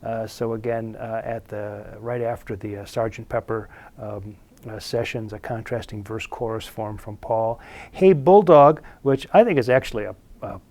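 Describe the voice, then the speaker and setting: A man giving a casual recorded music lecture, relaxed and halting, with many fillers and restarts. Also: fairly low pitch.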